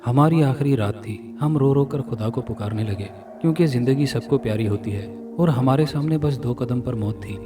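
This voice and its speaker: A man voicing a frightened young male captive of cannibals, telling his ordeal fearfully, heard from a distance over loud music. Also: medium pitch, moderate pace, hardly any pauses, lightly acted. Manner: fearful, pleading storytelling.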